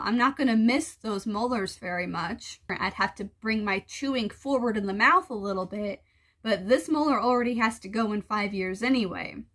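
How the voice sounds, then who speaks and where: Higher-pitched woman vlogger, casual and explanatory. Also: a bit bright. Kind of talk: casual personal vlog, talking to viewers.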